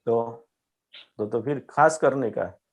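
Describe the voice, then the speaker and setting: A man with a Gujarati accent giving a gentle spiritual teaching, patiently checking that his young listener understands. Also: mid-range voice, slow pace.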